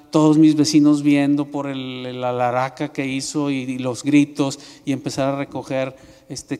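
Pastor preaching in a reverberant hall. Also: male voice, medium pitch, darkish tone, clean tone. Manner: storytelling with frequent fillers and restarts. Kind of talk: sermon.

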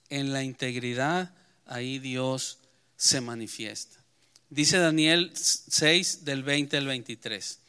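Bright, clear-voiced pastor preaching. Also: male voice, medium pitch. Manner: emphatic preaching that swells and then drops to a quiet close. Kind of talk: sermon with scripture reading.

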